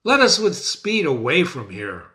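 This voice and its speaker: A troubled, lovestruck scholar speaks in a hushed, anxious way, as a man reads him. His voice is lower than the narration and slow. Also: huge pitch swings, heavily acted.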